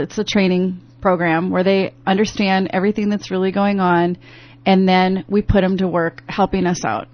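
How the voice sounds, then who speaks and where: Female radio guest, mid-pitched, rambling delivery, heard over lo-fi AM radio. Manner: rambling, full of restarts and fillers. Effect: AM radio broadcast sound. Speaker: interview guest, youth program founder. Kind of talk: radio interview. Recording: dull lo-fi AM radio broadcast.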